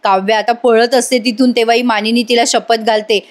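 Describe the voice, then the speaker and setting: A woman's voice: a little high, little pitch movement, brisk. A woman narrating a voice-over recap of a TV serial, chatting directly to viewers and adding scolding asides. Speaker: TV serial reviewer.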